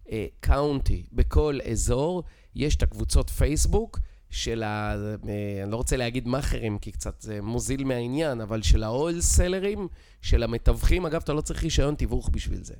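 A man's voice: mid-range voice, darkish tone. A middle-aged man with an Israeli accent talks in an informal, explanatory way. He is insistent and teacherly, punctuating his points with short check questions. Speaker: real estate expert guest. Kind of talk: casual explanatory conversation.

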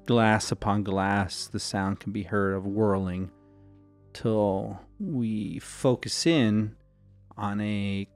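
A man serving as game master, narrating scenes of a tabletop role-playing game in a slow, measured way. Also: lowish voice, steady tone, faint music behind.

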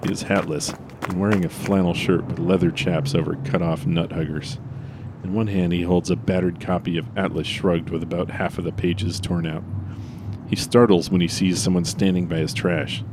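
A man narrates a scripted comic story in a flat, matter-of-fact way. His voice sits very low. Clear background noise runs under the recording. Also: moderate pace.

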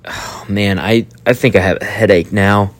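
A man's voice: fairly low pitch, normal speed, slight background noise, close to an everyday voice. An actor playing a skeptical young man who dryly questions his friend's rambling. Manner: dry, skeptical, lively. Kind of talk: hobby audio drama.

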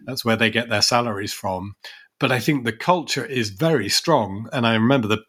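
A man's voice: medium pitch, normal speed, a bit bright, husky. Male co-host, conversational and reflective, circles back often. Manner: thoughtful, many restarts and asides. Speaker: podcast co-host. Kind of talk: conversational policy discussion.

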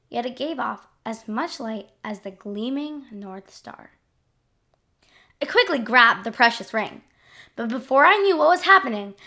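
A woman narrating a scripted first-person adventure story in an expressive diary-like manner. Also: fairly high pitch.

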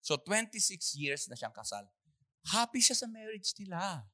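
A preacher tells a sermon story with great animation, acting out the scenes. The pitch leaps high and low all the time. The tone is bright and clearing of the throat comes often. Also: sing-song, normal speed, no room sound, clean studio sound.

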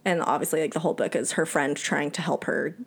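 A woman's voice: low voice, quick pace, husky. A young woman co-hosting a podcast in casual chat, rambling and full of "like"s. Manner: chatty, rambling, many "like"s. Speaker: podcast co-host.

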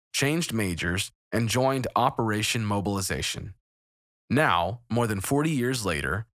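A man narrating a scripted devotional story in a measured storytelling manner, recorded as a studio voice-over. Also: on the low side, no room sound. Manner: measured storytelling with lively intonation. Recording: narration over clear background music.

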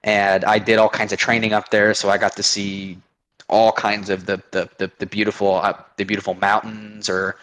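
Speaking at a normal speed with a fairly low, level, and fairly bright voice, a twenty-something Oregon man recounts his army days as a podcast guest. His telling rambles, full of restarts and filler words, and the recording is rough.

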